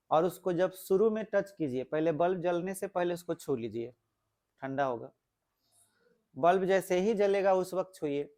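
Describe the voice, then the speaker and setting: High-voiced male physics teacher lecturing. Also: a little mellow. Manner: explains step by step, repeating key words and asking the class questions. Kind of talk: classroom lecture.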